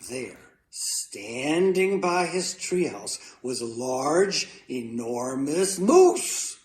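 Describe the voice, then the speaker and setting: A man reading a children's storybook aloud, slow and dramatic, with playful sound effects. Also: a little high, animated, reverberant.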